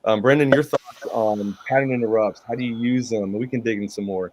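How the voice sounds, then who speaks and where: A man's voice: medium pitch, steady tone, a little fast, a little mellow. A man hosting a sales training talk, enthusiastic and emphatic, often checking in with "right?". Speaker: podcast host. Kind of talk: business training discussion.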